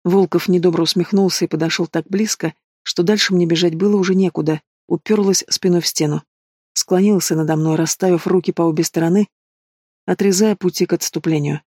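A man's voice: sits high, fairly even intonation, brisk, a little mellow, no echo, clean studio sound. A man reading a romance audiobook aloud, telling the heroine's story in the first person. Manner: reads the heroine's first-person narration and both leads' dialogue in one voice. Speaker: audiobook narrator.

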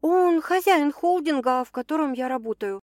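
A woman voicing a cheerful young woman who hosts a night out with friends, brisk and a bit evasive, in a lively, dry recording. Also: high voice, no echo, pitched above the performer's own voice. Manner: brisk, upbeat, a little evasive.

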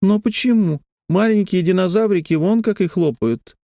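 A man's voice: high voice, normal speed, vocal fry, dark tone, dry recording, voice pushed up. A man voicing a stubborn, whiny young girl in an audiobook, pouting and petulant.

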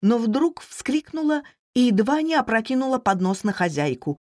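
A woman narrating an audiobook in a measured, expressive reading. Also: fairly high pitch, dry recording, studio quality. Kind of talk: scripted narration.

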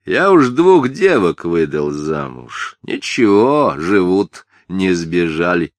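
A man voicing a self-important small village boy who speaks slowly and gravely, as if much older. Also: sits low, big pitch swings, no echo, heavily acted. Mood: knowing. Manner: measured, lordly, unhurried.

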